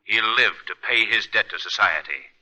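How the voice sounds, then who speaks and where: A man's voice: fairly low pitch, pushed and bright, low-quality recording. An actor playing a mysterious, menacing male crime avenger in a theatrical, ominous 1940s radio drama style. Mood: grim, triumphant. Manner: slow, ominous, theatrical delivery. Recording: vintage 1940s radio recording with organ music.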